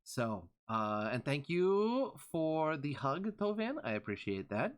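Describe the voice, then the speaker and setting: A man's voice: on the high side, big pitch swings, slow pace, smooth. A man streaming live, chatting casually and reading out thanks to followers.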